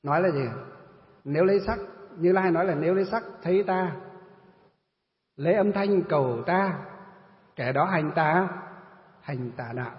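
Monk giving a sermon in a long-reverb hall; high-pitched man, asks and answers his own questions; dull lo-fi recording. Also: normal speed, long pauses. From northern Vietnam. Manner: asks the audience questions and answers them himself. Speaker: Buddhist monk teacher. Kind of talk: dharma talk sermon. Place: temple hall during a retreat. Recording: roomy hall, dull lo-fi sound.

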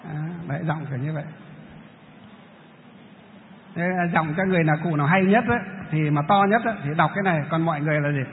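A man's voice: a little high, rapid-fire, a little hiss or hum. A male Buddhist monk giving a dharma talk, patiently explaining and answering audience questions. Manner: explains patiently, breaks into chanting demonstrations. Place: large lecture hall. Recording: tinny, echoey hall recording.

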